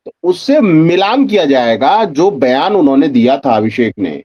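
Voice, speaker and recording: In a sing-song, husky voice on the high side, a male guest, a senior journalist and political analyst, explains politics pointedly and conversationally, raising questions and answering them. He speaks at a moderate pace with no room sound, though the audio is dull and lo-fi.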